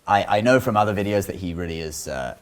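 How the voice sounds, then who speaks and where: A man's voice: low-pitched, lively intonation, fast, smooth. A man hosting a casual conversation, introducing and commenting on things in an informal way. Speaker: host.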